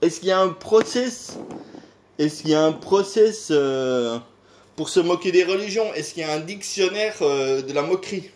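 A man's voice: on the high side, expressive, normal speed, darkish tone, slight background noise. A middle-aged man with a French accent, rambling in a casual video monologue, full of sighs, fillers and rhetorical questions. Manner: hesitant, lots of filler sounds and sighs. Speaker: YouTuber.

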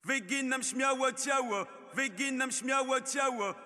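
A man's voice: very high voice, unhurried, full character voice. An actor singing a flamboyant, party-loving male lemur king in a cartoon film song, chanting exuberantly. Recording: film clip over loud disco music. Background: loud electronic dance music.

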